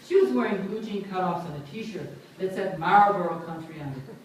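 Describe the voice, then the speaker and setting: A woman reading a memoir aloud at a book launch event, with lively, amused storytelling. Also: on the low side, a little fast, a little hiss or hum. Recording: echoey room, far from mic.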